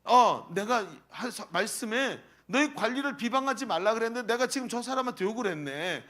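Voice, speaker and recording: A man's voice: very high-pitched, animated, fairly quick, bright, forceful tone, voice pushed up, heavily acted. A man voicing the apostle Paul as a sheepish grown man backpedaling with an apology.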